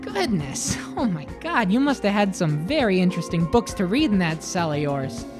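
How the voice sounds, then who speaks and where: A woman's voice: fairly low pitch, sing-song, moderate pace, music in the background. A woman voicing a wry young nun who talks in a teasing, sardonic way.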